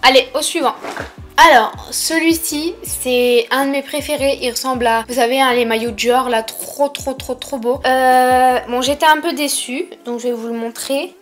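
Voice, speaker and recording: Casting: young female haul vlogger, high-pitched, lisping s, informal chatty delivery, faint music underneath. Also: fairly even intonation, moderate pace. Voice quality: lisp on s sounds. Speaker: vlogger presenting a shopping haul. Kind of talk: casual chatty haul presentation.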